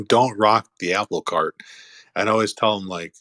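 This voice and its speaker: A man hosts a casual online chat with plenty of enthusiasm and easy laughter. His voice sits low, with a bright, sharp edge. The sound is dry and close. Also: normal speed, dry recording. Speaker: host. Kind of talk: casual chat on an audio room.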